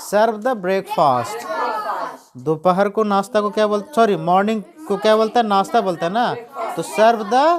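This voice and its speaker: A woman teaching spoken English to children with an Indian accent, slowly repeating each English phrase after explaining it in Hindi. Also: mid-range voice. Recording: loud crowd and noise behind.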